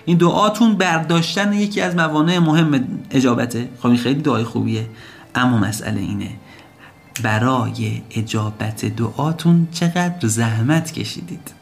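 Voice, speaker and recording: A man's voice: mid-range voice, gravelly. A man preaching a sermon, posing rhetorical questions and pressing his points with rising emphasis. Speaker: religious preacher.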